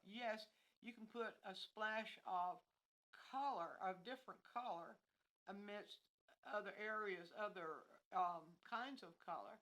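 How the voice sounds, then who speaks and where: A woman's voice: mid-range voice, fairly bright tone, poor audio. An older woman teaching a painting lesson on a livestream. She speaks unscripted, thinking aloud with many restarts and self-corrections, outdoors with fallen leaves behind her. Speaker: art instructor.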